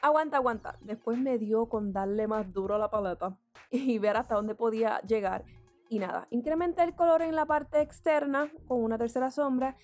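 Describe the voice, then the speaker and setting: A woman's voice: a little high, normal speed, darkish tone, faint music behind. A woman beauty vlogger talking candidly and chattily as she does her makeup, explaining each step. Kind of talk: get-ready-with-me makeup tutorial chat.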